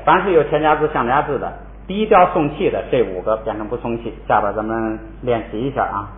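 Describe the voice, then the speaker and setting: A man gives a relaxed language lesson in a fairly high, lively voice, patiently explaining and repeating words for his students to say back. His voice comes through thin and phone-like, in an echoey room. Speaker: Tibetan language teacher. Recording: echoey room over a tinny phone-like line.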